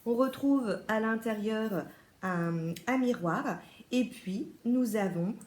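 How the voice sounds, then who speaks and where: A woman's voice: fairly high pitch, slow pace, darkish tone, roomy sound. A French-accented woman chatting casually through a beauty haul as a vlogger, with many fillers and restarts.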